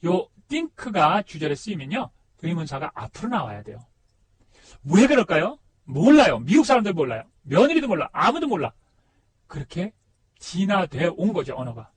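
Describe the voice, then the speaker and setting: A middle-aged man teaching English grammar in a chatty, lively online lesson. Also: on the high side, normal speed, husky, no room sound. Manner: lively, chatty, laughs at rote memorizing.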